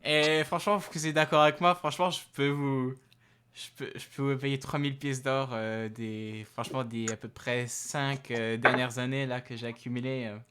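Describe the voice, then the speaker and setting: A man voicing a pushy male arms merchant with a slight Russian accent, pitching his deals in rambling, halting patter. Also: fairly even intonation, a bit bright, slight background noise, close to an everyday voice. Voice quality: rambling salesman patter, full of hesitations.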